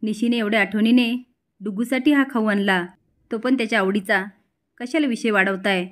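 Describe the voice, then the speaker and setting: A woman reading the lines of a gentle young woman asking her relative to calm down. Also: mid-range voice, normal speed, natural voice. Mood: pleading.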